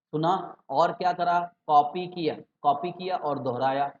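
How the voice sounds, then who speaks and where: Teacher with a lilt. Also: male voice, fairly high pitch. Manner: mixes English and Hindi, slows for key terms; rhetorical questions to students. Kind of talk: exam-prep lecture. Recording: dull lo-fi sound.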